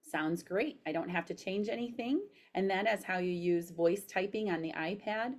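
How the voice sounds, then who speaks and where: Lower-pitched woman dictating in a tutorial. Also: moderate pace. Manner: dictating, speaking punctuation aloud. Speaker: instructor. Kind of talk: tutorial demo, dictating aloud.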